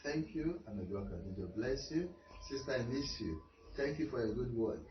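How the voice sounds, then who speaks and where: Male priest, roomy echo, measured prayerful blessing, distant muffled mic, noisy background. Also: mid-range voice, lively intonation. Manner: measured, prayerful, rising into praise. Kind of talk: leading prayers and a house blessing.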